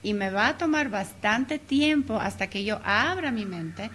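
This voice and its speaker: Woman, radio guest, teacher; mid pitch, hesitant explainer, faint noise. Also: expressive, a little slow, a bit bright. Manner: explanatory, many hesitation fillers. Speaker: interview guest, language teacher. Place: radio studio.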